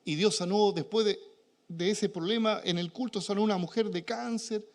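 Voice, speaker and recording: A man with a Chilean accent preaching a charismatic sermon as pastor of a church, moving between shouted exhortation and quiet, joking asides. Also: high-pitched, normal speed. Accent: Chilean Spanish. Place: church sanctuary.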